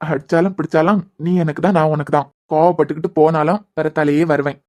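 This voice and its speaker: A man's voice: on the high side, fairly even intonation, fast, a little mellow, natural voice. A man voicing a teasing, doting young husband. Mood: reassuring. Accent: Kanyakumari Tamil. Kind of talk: cartoon web series voice acting.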